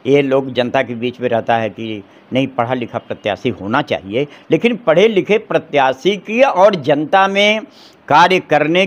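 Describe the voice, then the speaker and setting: A middle-aged man, an advocate giving forceful political opinions in an interview, firing off rhetorical questions and restarting his phrases. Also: medium pitch, muffled recording.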